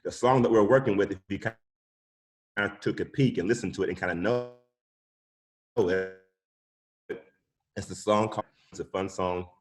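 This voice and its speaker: A man with a very low voice leads a live online music production workshop over a video call. He talks in a loose, chatty way, dropping y'all and yada yada as he goes. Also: moderate pace, long pauses. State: sucking a cough drop.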